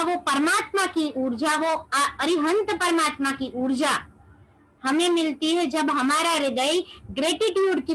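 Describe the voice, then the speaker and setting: Brief: high-pitched woman, spiritual teacher, rhetorical questions, sprinkles in English words. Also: a bit bright, poor audio. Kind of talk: devotional teaching session.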